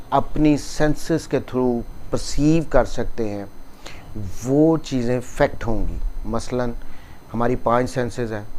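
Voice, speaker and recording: A man with a Pakistani accent and a medium-pitched, slightly mellow voice gives an explanatory law lecture, reading English clauses and explaining them in Urdu. His style is didactic, repeating and rephrasing points, and there is noticeable background noise.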